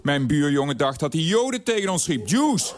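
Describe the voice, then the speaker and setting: A man's voice: a little high, sing-song, a little fast. A man reading out his own scripted radio column with a wry, dryly humorous way of telling stories, in a radio studio.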